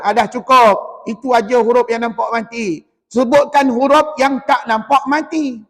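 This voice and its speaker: A Malaysian man with a Malay accent teaching a Quran recitation class in a mosque, quizzing his students in a lively way and chanting the verses slowly. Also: very high voice. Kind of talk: classroom tajwid lesson. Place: mosque hall. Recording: long mosque reverb.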